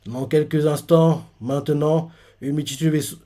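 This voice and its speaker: A cruel alien invader lords it over a beaten foe, taking his time with each mocking line, read out by a man. The voice sits a little high, close to a plain reading voice. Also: steady tone, normal speed, warm tone, natural voice. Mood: taunting.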